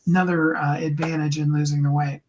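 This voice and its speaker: This host and coach delivers an earnest pep talk to viewers in a higher tenor, his pitch barely moving. Often he slows down and lowers his voice to a soft whisper to encourage them.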